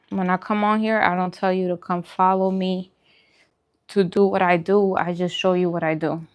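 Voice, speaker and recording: Talking to camera during a casual mukbang, this vegan food vlogger and host sounds reflective and encouraging. She speaks at a measured pace in a lowish, level voice, leaving long pauses.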